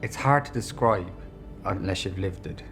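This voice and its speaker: An Irish man with a deep, low voice tells his own story in a documentary interview, reflective and candid. Music plays clearly behind him. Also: moderate pace. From Ireland.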